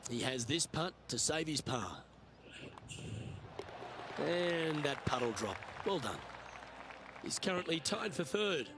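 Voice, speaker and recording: A man's voice: a little high, sing-song, slow, long pauses, crowd noise, heavily acted. A man working as lead golf commentator, calling play-by-play in a broadcast style. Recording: clear background ambience noise.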